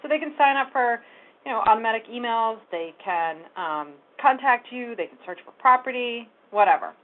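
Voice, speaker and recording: A woman giving a casual step-by-step software tutorial, talking through each click as she goes. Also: on the high side, animated, moderate pace. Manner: casual step-by-step explaining, talks while clicking. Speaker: real estate tech trainer. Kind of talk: screen-share software tutorial. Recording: phone-like narrow band audio.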